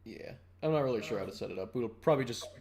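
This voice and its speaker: A man's voice: fairly low pitch, expressive, racing, a crowd in the background. A man hosting a casual group Q&A over a call, rambling with restarts and frequent laughs. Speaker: animation studio team member hosting Q&A.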